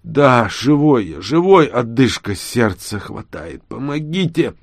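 A man's voice: mid-range voice, big pitch swings, slow, vocal fry, dry recording, studio quality, pitched above the performer's own voice, heavily acted. A man voicing a young man suddenly turned decrepit old man, speaking in a cracked, wheezing voice. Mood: pleading.

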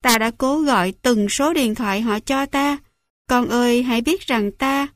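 Woman voicing a sobbing, apologetic mother, urgent, high voice. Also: unhurried, dry recording, clean studio sound, natural voice. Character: distraught mother calling her son.

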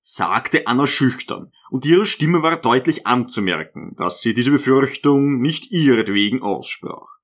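A man narrating a literary audiobook in a measured, even manner. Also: mid-range voice.

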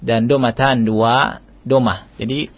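A man from Indonesia teaches recitation rules over the radio at an unhurried, deliberate pace. He repeats his key points patiently and now and then slows into a careful chant. The broadcast sound is dry and a little muffled. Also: medium pitch, steady tone, no echo. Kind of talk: radio lesson.

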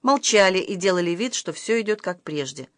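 A woman narrating a novel in a measured, even storytelling manner. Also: on the low side, no room sound, clean studio sound. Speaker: audiobook narrator.

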